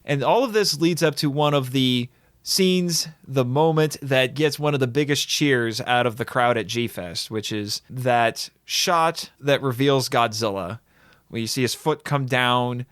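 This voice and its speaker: Man, podcast host, casual chat, eager, mid pitch, dry close mic. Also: measured pace, fairly bright tone, no echo. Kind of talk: casual chat about films.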